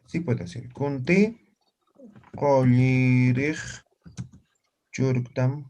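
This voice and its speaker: A man teaching a live online language class over a video call. He talks patiently, says words slowly and often checks that students follow. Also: medium pitch, lo-fi sound, background noise.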